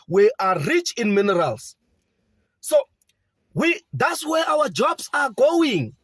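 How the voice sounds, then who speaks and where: A man's voice: sits high, slightly rough, dry recording. A man giving a political speech, emphatic and repeating key phrases for effect. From South Africa. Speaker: public speaker.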